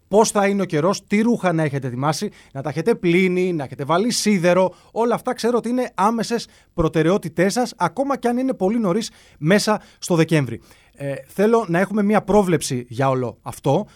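A male host with a slightly high voice runs a comic segment in a deadpan, mock-serious tone. He stacks up long, repetitive lists with a straight face. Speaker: radio show host.

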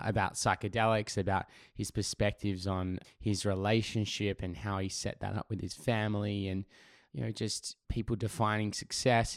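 His voice still mending from laryngitis, a podcast host chats enthusiastically through a casual intro and interview, using lots of fillers. He speaks at a fairly low pitch, recorded in a clean studio without echo.

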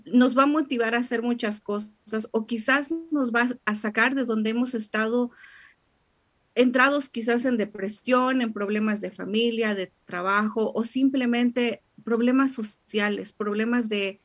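A woman's voice: a little high, steady tone, unhurried, a bit bright. A woman hosting a podcast interview, giving effusive, heartfelt introductions to her guest. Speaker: podcast host.

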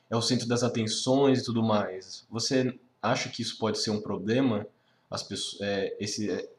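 Halting male interviewer. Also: on the low side. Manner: halting, rephrases his questions. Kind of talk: interview questions.

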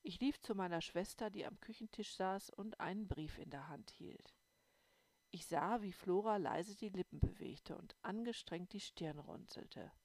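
A woman narrating a first-person audiobook in a calm storytelling manner. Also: medium pitch, measured pace, dry recording. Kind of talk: scripted narration.

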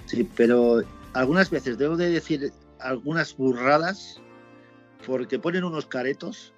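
Man from Spain, casual chat, lively storyteller, faint background music. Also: medium pitch, unhurried, highs cut off. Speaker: motorcycle traveler guest.

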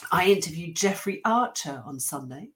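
A woman hosting a livestream, sick and a little squeaky-voiced, chatting casually with many fillers, restarts and small laughs. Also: animated, moderate pace. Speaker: host. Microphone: webcam or computer mic.

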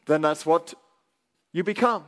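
A man's voice: a little high, a bit bright. Emphatic man preaching a sermon. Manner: emphatic, pausing after each phrase. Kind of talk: sermon delivered in short phrases for live interpretation.

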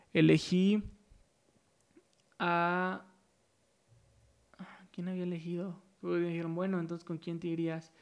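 A man's voice: a little high, vocal fry, clear, resonant tone. A man hosting a casual solo podcast, rambling loosely with many fillers and restarts. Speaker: podcast host.

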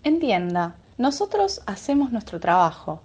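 A woman's voice: mid-range voice, big pitch swings, a little slow, a little mellow, husky. A woman playing a formal, evasive clerk. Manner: formal, evasive, politely dismissive. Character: evasive bureaucratic clerk following rules. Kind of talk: radio sketch acting.

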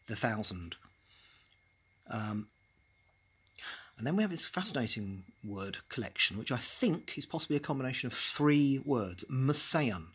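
An English podcast host chats his way through a book chapter, musing aloud and restarting often. His voice is medium-pitched and slightly rough.

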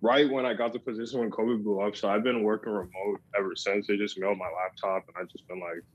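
A young man speaking as a podcast guest in casual chat, relaxed and full of "like" and "um". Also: on the low side, quick pace. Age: young adult. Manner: relaxed, lots of "like" and "um". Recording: dull lo-fi dry sound.

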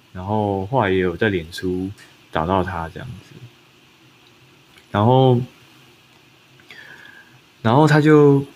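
A man's voice: fairly low pitch, a little mellow, slight background noise. A man, telling his own story on a podcast in a rambling way, often restarting his sentences and acting out what others said. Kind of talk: casual first-person storytelling.

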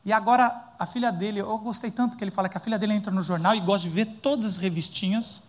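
Brief: Brazilian male pastor, middle-aged, fairly high voice, lively storytelling sermon. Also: fast talker. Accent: Brazilian Portuguese. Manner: animated, rhetorical, tells family anecdotes, acts out quotes.

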